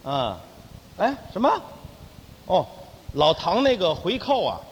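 A male comedian plays a smug, blustering fixer who talks down to everyone. His voice is high and swings widely up and down. It is a stage recording with long reverb and faint noise behind it. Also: wildly swooping pitch, takes it slowly, full character voice. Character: smug self-important middle-aged man who boasts of connections. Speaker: crosstalk comedian.

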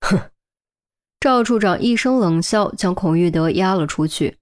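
Low-voiced woman narrating a novel. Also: normal speed, darkish tone. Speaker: audiobook narrator.

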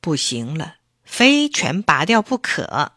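A male fish dentist in a children's storybook speaks in a brisk, matter-of-fact way, as a woman reading aloud puts him on. The delivery is slow and bright, with a dry close sound. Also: sits low, big pitch swings, no room sound, pitched below the performer's own voice, full character voice. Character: gruff male fish dentist with big pliers.

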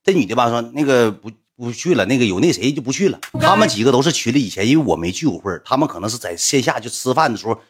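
A man's voice: medium pitch, lively intonation, racing, few pauses, slightly rough. A man, telling a story in a chatty, colloquial way. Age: 20s. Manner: chatty, colloquial, recounts with acted-out quotes. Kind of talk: casual spoken storytelling.

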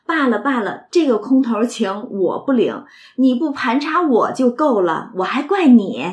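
A woman's voice: on the high side, very animated, a little slow. Woman quoting an evasive henpecked nobleman. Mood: placating. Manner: bantering, placating.

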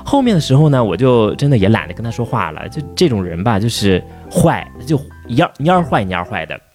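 A man's voice: mid-range voice, big pitch swings, brisk, darkish tone, soft background music. A man telling a long, profane, angry story about his workplace. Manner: profane, heated, rising to outbursts. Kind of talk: casual angry rant.

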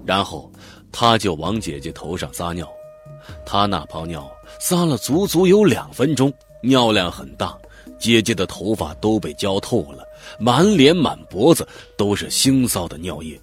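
A man's voice: on the low side, big pitch swings, a little slow. A man narrating a dramatic audiobook, telling the story vividly and expressively. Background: faint background music.

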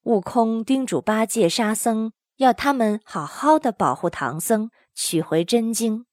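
A woman telling a classic tale for children, slow and expressive. Her pitch sits fairly high and swings widely. A dry, close recording with no room sound. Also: dry recording. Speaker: children's storyteller. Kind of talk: children's story narration.

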